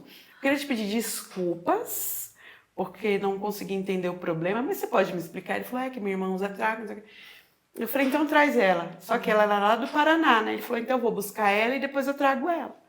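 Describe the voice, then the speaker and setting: A woman's voice: mid-range voice, lively intonation, fast. A middle-aged Brazilian woman telling her own story in a casual chat, acting out the dialogue with frequent tag questions. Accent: Brazilian Portuguese.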